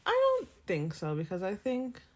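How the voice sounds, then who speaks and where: A woman's voice: medium pitch, wildly swooping pitch, moderate pace. A young woman co-hosting a podcast, chatting in a jokey, chatty way. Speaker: podcast co-host. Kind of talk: casual chat.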